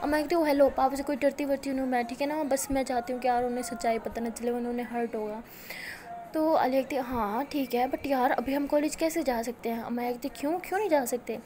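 A woman's voice: high-pitched, a little fast, a little hiss or hum. A young woman with an Indian accent narrating a romantic story, voicing the dialogue of both characters herself. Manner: switches between soft narration and lively voiced dialogue.

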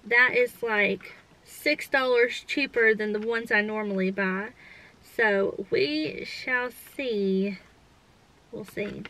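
A thirty-something woman with a Southern US accent chats about her shopping haul from a parked car, filmed by a dashboard camera. Her voice is a little high and sharp, friendly and chatty as she calls her viewers y'all. The recording is rough, with a slight hiss or hum.

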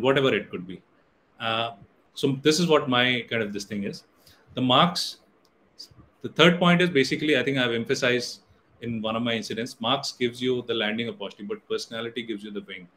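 On a rough recording with slight hiss or hum, a middle-aged Indian man whose native language is Hindi delivers an online guest lecture in English, full of fillers and restarts. His voice is medium-pitched and a touch bright, picked up by a webcam or laptop mic on a video call from an indoor room.

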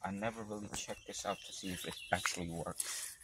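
A man with a somewhat low voice makes practical, matter-of-fact remarks in casual conversation. He is picked up on a phone outdoors in a park. Clear outdoor noise runs under his voice. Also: fairly even intonation, fairly quick. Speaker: family member on a camping trip. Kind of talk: casual chat.

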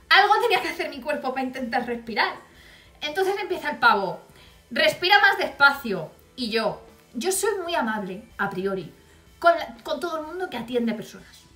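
Bright-voiced Spanish woman with a blunt tone. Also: fairly high pitch, reverberant. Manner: blunt, profane, wry storytelling. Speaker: vlogger. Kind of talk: storytime vlog.

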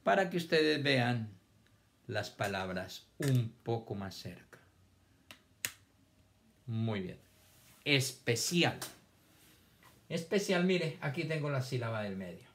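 Slow, lively-voiced male teacher. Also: mid-range voice, slight background noise. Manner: slow, patient, stretches words syllable by syllable. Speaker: primary school teacher. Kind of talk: children's reading lesson. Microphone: camera on a stand.

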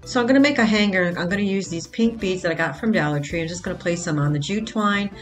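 A woman hosting a craft channel narrates a project in a voice-over, explaining it plainly and casually step by step with the odd filler. Her voice is fairly low-pitched and quick. Faint music plays behind her.

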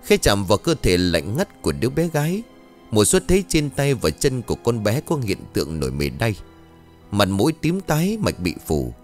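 A man narrating a ghost story with dramatic, expressive delivery. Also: fairly low pitch, moderate pace. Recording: soft background music.

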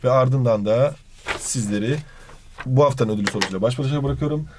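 A young man teaching an exam-prep grammar lesson, quickly asking and answering his own questions, recorded close and dry. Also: medium pitch, noisy background.

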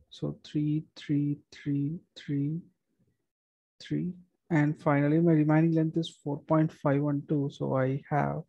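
A young man who is a structural engineer, giving a methodical screen-recorded software walkthrough with frequent fillers and restarts. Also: a little high, dry recording, muffled recording.

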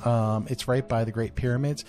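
A man's voice: mid-range voice, steady tone, a little fast, darkish tone. A middle-aged man chatting casually with his child while unboxing toys, upbeat and full of fillers. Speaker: parent co-host unboxing toys. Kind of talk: casual family toy unboxing.

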